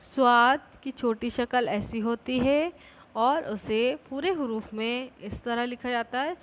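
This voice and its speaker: A woman's voice: fairly high pitch, takes it slowly, muffled recording. A woman school teacher giving a patient classroom lesson, asking questions and answering them herself. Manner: patient, repeats each point, asks and answers itself.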